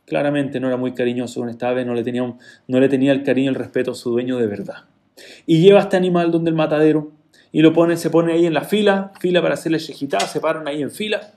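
A man tells a parable in a sermon, a little high for a man, with a gravelly edge to his voice. He leaps up in pitch and volume to play the people in his story. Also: fast. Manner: acts out the characters' voices with lively shifts in pitch and loudness. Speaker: rabbi or teacher telling a parable.

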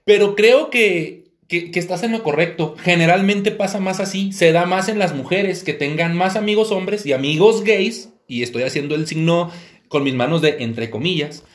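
Man, Mexican accent, high voice, halting podcast talk, echoey room. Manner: halting, repeats words, generalizing. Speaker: podcast co-host. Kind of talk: casual joking chat.

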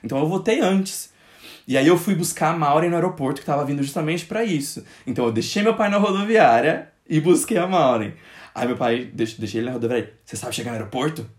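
A man's voice: fairly high pitch, fast talker. A man in his thirties from Brazil, telling a personal family story in casual chat and jumping into quoted voices. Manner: animated, jumps into quoted voices.

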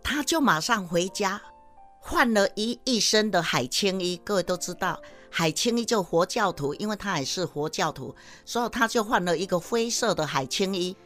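Animated woman telling a sales story. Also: medium pitch. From Taiwan. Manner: animated, addresses the audience often. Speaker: sales manager giving a lecture.

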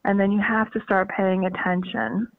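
A woman's voice: mid-range voice, flat delivery, normal speed, no room sound. A woman from the Northeastern US, a guest on a radio show, talking enthusiastically with lots of fillers over the phone. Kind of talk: radio call-in conversation. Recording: tinny phone line.

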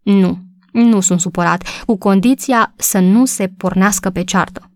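A woman's voice: mid-range voice, a little mellow, no echo, studio quality, close to an everyday voice. A woman voicing a good-humoured young husband who jokes and teases in an audiobook story. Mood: teasing. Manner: joking, easygoing.

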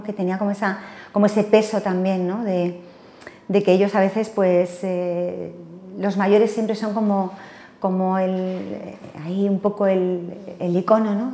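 A woman's voice: medium pitch, mellow, reverberant. An older woman from Spain, giving a personal faith testimony as an interview guest, talking hesitantly with many fillers and tag questions.

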